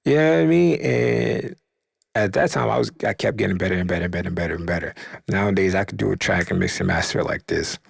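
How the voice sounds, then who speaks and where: A podcast host, a man, tells a story in loose, profane slang and bumps his voice up whenever he acts out what someone said. His voice is deeply gravelly and husky, and it sits close and dry with no room around it. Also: steady tone, quick pace, dry recording. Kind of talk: casual storytelling.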